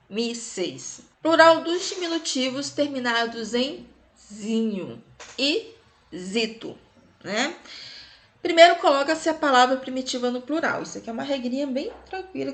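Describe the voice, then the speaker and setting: Slow, patient Brazilian woman teacher. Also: fairly high pitch. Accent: Brazilian Portuguese. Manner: patient, checks in with "ok?" and "tranquilo?" after each point. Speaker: Portuguese grammar teacher. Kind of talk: explaining grammar rules to students.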